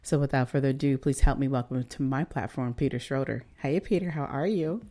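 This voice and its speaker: A podcast host reads out a guest introduction, then moves into relaxed, chatty interview questions. The voice is mellow and warm in tone. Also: mid-range voice, a little fast, a little hiss or hum. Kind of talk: interview hosting.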